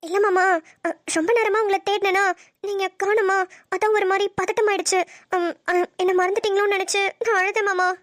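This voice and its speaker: A woman's voice: very high-pitched, flat delivery, a little fast, no room sound, clean studio sound. A woman voicing a cheeky young female college student in a cartoon, teasing and playful in her banter. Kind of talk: cartoon voice acting.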